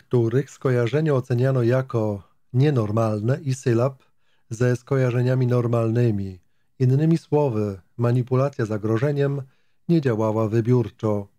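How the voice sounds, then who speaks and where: A man reads a scholarly text aloud at an even, measured pace. His voice is dark and mellow. The sound is dry and close, with no room around it. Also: mid-range voice, no room sound. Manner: steady, measured, even-toned reading. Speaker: audiobook reader. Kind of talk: reading a nonfiction psychology text aloud.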